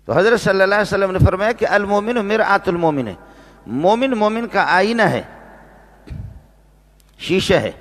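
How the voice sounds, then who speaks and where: A man preaching a religious sermon, repeating phrases and slowing down to stress key words. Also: high-pitched, expressive, fairly bright tone. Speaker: Islamic preacher and teacher. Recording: long reverb of a large hall.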